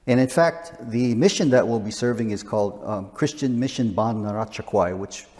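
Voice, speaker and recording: A missionary in his sixties chats casually in an interview, rambling with frequent restarts and chuckles. His voice is on the low side and darkish in tone, moving at a moderate pace, and it sounds as though he's in a large hall.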